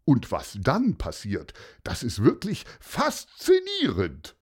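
Guy playing a super keen friend explaining stuff, husky, swoops up and down a lot. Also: mid-range voice, huge pitch swings, takes it slowly, heavily acted. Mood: excited. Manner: enthusiastic, explaining. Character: eager grown-up friend explaining the body. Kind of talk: children's story reading.

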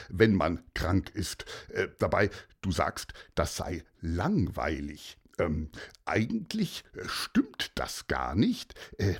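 A man's voice: deep voice, breathy edge, full character voice. A man voicing an enthusiastic friend who explains things in a children's story. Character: eager grown-up friend explaining the body.

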